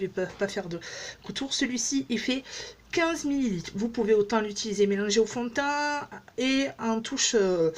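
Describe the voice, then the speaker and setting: Chatty rambling woman beauty vlogger. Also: on the high side. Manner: chatty, rambling, self-mocking with many fillers. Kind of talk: casual makeup demo chat. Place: at home.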